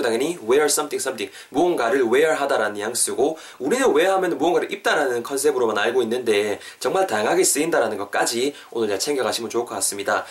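A man's voice: medium pitch, distant mic. A man with a Korean accent, a native Korean speaker, hosting a casual podcast English lesson. He chats along, spells words out letter by letter and corrects himself as he goes. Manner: chatty, spells words out slowly, self-corrects. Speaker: English teacher, podcast host.

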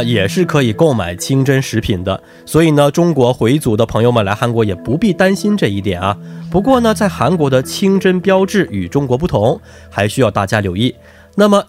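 A man hosting a quiz show in a chatty, teasing way, talkative and often adding tag questions. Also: mid-range voice.

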